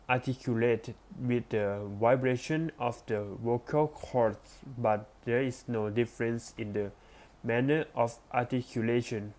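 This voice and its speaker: Reading an academic text aloud as a lesson, a man moves at a very slow, unhurried pace, lingering over each phrase and occasionally backing up to restart a word. His middle-pitched voice has a darkish tone, and his delivery is careful and deliberate.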